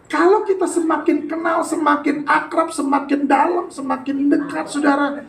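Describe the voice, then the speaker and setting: A man's voice: extremely high pitch, steady tone, normal speed, creaky, fairly bright tone. A man preaching a sermon as pastor, joking and bantering with the congregation and slipping into casual slang. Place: church sanctuary. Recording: echoey church hall, heard from a distance.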